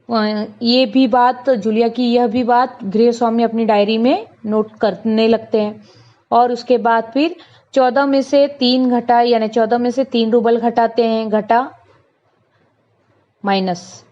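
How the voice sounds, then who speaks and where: A woman teacher reading a story aloud and explaining it to her pupils, speaking to them directly. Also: fairly high pitch. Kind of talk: reading and explaining a school lesson. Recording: dull lo-fi recording.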